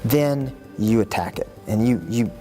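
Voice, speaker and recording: A man, an educator answering interview questions and telling stories in an earnest, husky voice that often repeats words as he gets going. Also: lowish voice, animated, unhurried, warm tone, faint music behind. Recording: reverberant room.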